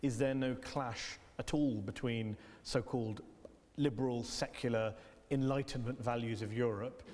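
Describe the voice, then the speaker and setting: A man hosting an interview in a debating hall, pressing his guests with rapid questions. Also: mid-range voice, steady tone, a little mellow. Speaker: host. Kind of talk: adversarial studio interview. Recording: long hall reverb.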